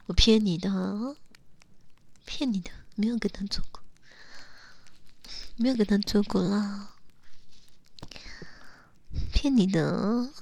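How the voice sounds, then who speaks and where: A young woman acting a teasing, coaxing young woman who calls herself big sister, in an intimate role-play audio spoken close to the mic with soft whispers. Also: mid-range voice.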